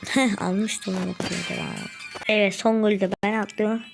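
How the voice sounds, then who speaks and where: A woman giving gameplay commentary to her viewers while opening rewards, quickly getting frustrated and excited. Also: mid-range voice, creaky, over music. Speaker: mobile game streamer.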